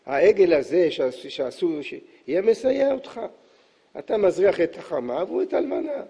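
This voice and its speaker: A man's voice: sits high, sing-song, gravelly, dark tone, breathy edge, voice pushed up, full character voice. A man voicing an ancient male leader pleading with his god, in a rising, emphatic tone. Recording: echoey hall, dull lo-fi sound.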